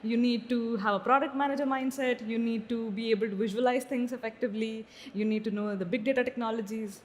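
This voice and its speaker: A woman talks as a panelist at a roundtable, measured and explanatory. Her voice is fairly high. A long reverb from the hall trails her words. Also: fairly even intonation, slight background noise. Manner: measured, explanatory, uses filler ums. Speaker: panelist, data science. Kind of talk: conference roundtable discussion.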